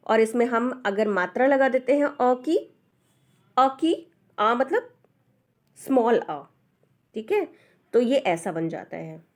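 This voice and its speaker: Slow, patient woman teacher. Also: on the high side. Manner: patient, repeats letters and asks "ठीक है?". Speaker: Hindi teacher. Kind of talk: slow explanatory lesson.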